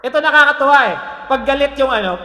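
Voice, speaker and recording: Man, pastor, joking sermon, bright voice, echoey church hall. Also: very high-pitched, fast. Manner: lively, joking, laughs often, asks "Amen?". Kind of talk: Taglish sermon. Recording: echoey hall with long reverb.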